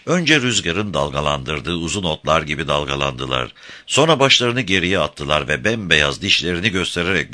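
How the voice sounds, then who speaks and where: A male narrator reads a novel aloud in a measured, vivid way. His voice sits low but sounds bright and forceful. The reading is scripted and steady.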